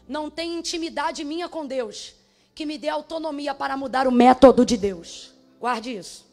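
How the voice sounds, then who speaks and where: A woman preaching a sermon with fervor, building to shouts and acting out bits of dialogue. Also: sits high. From Brazil. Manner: acts out dialogue in different voices.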